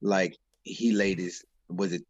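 A man with a gravelly, husky voice, reflecting in a slangy, casual Bible study discussion. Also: low voice, fairly even intonation, takes it slowly, no room sound, dull audio. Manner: reflective, slangy, says bro.

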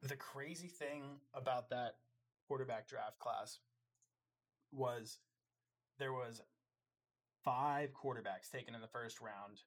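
A man's voice: mid-range voice, slow, long pauses. Opinionated man talking football. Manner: opinionated, runs through lists of players. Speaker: podcast co-host. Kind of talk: casual sports chat.

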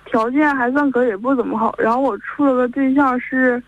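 A woman's voice: sits high, fairly quick, no room sound. A young woman in her twenties with a Northeastern Mandarin accent, calling in and telling her story in a rambling way, stringing events together with "and then". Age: 20s. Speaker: caller. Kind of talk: call-in chat. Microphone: telephone. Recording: dull lo-fi phone line.

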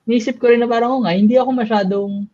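A man's voice: extremely high pitch, steady tone, fast talker, warm tone. A man co-hosting a podcast, talking candidly and hesitantly, often trailing off with fillers. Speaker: podcast co-host. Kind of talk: casual candid chat. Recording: dull lo-fi sound.

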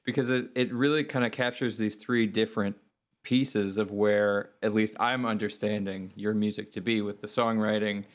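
A man with a fairly low voice hosts a relaxed conversation with a musician. He talks thoughtfully and appreciatively, and often repeats a word as he restarts a sentence. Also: moderate pace. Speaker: podcast host. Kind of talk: casual podcast chat.

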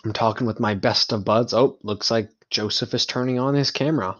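A man's voice: mid-range voice, fairly quick, fairly bright tone. A young man chatting casually with his friends in joking gamer-bro banter full of slang. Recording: dull lo-fi mic sound.

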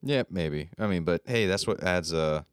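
A man's voice: sits low, expressive, moderate pace, smooth, no echo, studio quality. A young man co-hosting a podcast, easygoing and slangy, often trailing off mid-thought. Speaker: podcast co-host. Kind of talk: casual chat.

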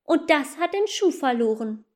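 A woman's voice: high voice, expressive, moderate pace, voice pushed up. A woman voicing a young peasant girl who tells her little brother about an elf. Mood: eager. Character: young goose girl, eager and wondering.

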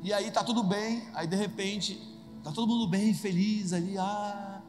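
A Brazilian man preaching a humorous sermon in a church, telling the story in a lively, joking way and acting out the voices. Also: high voice, normal speed. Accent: Brazilian Portuguese. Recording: echoey hall with soft music.

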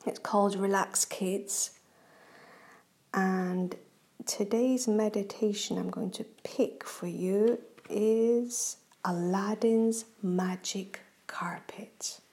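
For a children's relaxation show, a woman with a mid-range voice gently reads a guided meditation. She half-whispers softly and breathily, keeping her pacing slow and calm.

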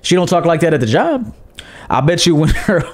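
A man's voice: fairly high pitch, sing-song, brisk. A man hosting a livestream as a dating coach, talking in a blunt, profane, scolding way. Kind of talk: livestream monologue.

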